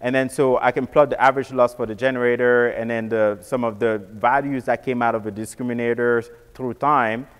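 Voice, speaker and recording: A man's voice: medium pitch, fairly even intonation, brisk, few pauses, clean tone. Man, casual tech presenter, stop-start delivery, long reverb on the voice. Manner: casual, repeats words and restarts often. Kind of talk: technical walkthrough.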